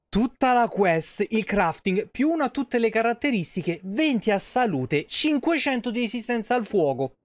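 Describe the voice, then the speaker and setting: A man in his thirties streams a game from a small room at home, giving live commentary that is casual, slangy, sweary, and sarcastic. His voice sits high, and the recording is dry.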